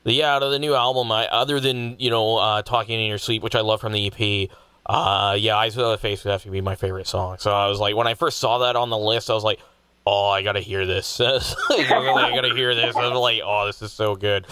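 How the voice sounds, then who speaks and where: A man from British Columbia hosting a casual radio interview, chatty and quick to laugh. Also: fairly low pitch, fairly even intonation, pushed and bright, clear, resonant tone, dry recording. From British Columbia, Canada. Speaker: radio host.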